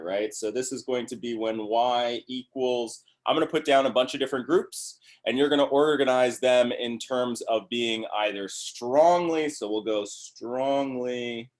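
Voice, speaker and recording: A man's voice: mid-range voice, moderate pace, hardly any pauses, darkish tone. A man lecturing a class on organic chemistry in an upbeat review, often checking in with the class.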